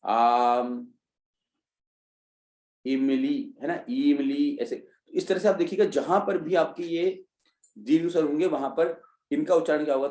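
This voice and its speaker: Male teacher for an online revision class, mellow tone, talks through each point and answers his own questions, roomy sound. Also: medium pitch. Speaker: Hindi teacher. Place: online class, students joining remotely.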